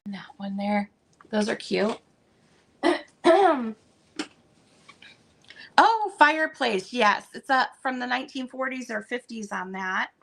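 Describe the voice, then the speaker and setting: A woman selling vintage items, chatting casually and meanderingly as she unpacks, with plenty of fillers, and a voice that is going a bit hoarse. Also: on the high side, lively intonation, slow pace, long pauses, a bit bright, rough recording. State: losing her voice. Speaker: vintage seller showing stock. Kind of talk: casual unboxing chat.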